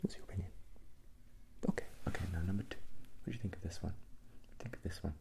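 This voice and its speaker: A man doing a whispered role-play as an ASMR performer, repeating instructions and questions as he shifts between whisper and soft low voice. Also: fast, vocal fry. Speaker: ASMR performer giving mock eye tests.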